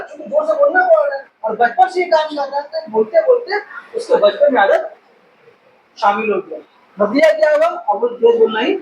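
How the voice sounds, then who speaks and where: A man giving an informal, rambling explanatory talk, often asking a question and then answering it himself. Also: very high voice. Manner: rambling, conversational, asks and answers own questions. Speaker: speaker explaining a health topic. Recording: echoey room with faint ambient noise.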